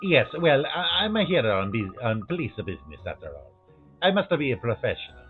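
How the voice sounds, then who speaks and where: A man's voice: medium pitch, very animated, moderate pace, soft background music, close to an everyday voice. A man voicing a prim, easily alarmed female detective who stammers and feigns bravery in a video game. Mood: uneasy. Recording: thin phone-like sound.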